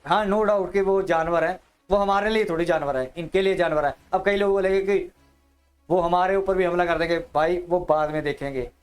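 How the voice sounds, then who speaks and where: Man, blunt chatty co-host, high clean voice. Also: fairly even intonation, moderate pace, smooth, faint music behind. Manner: blunt, chatty, direct address. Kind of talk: casual podcast chat.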